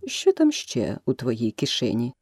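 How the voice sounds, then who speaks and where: A self-important male dodo from a storybook speaks with slow, weighty solemnity, as a woman reads him. The voice sits low and husky. The recording is close and dry. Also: huge pitch swings, darkish tone, dry recording, exaggerated voice.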